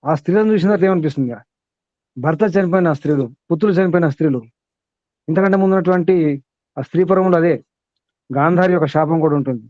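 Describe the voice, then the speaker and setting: A man's voice: on the high side, quick pace, long pauses, no room sound, phone-quality sound. A man teaching a spiritual discourse to students, asking them many rhetorical questions in an emphatic way.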